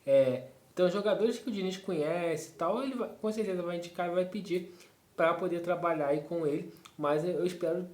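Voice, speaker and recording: A man from Brazil hosting a football fan channel in a casual, rambling commentary style, leaning on fillers and tag questions. His voice sits a little high for a man. The room around him is echoey. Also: fairly quick, darkish tone. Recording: roomy echo.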